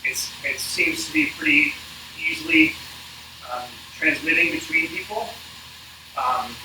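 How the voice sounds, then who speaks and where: A man coaching an indoor cycling workout on a livestream, speaking casually and haltingly with a dry, informal manner. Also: on the high side. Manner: halting, informal, dryly joking. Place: indoors in an apartment. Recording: echoey, distant mic, noisy room.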